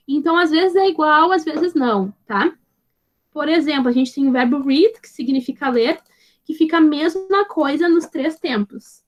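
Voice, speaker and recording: A woman's voice: high-pitched, dull audio. A woman teaching an English grammar lesson, patient and explaining step by step, checking in with her students after nearly every phrase. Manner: spells out examples slowly and clearly.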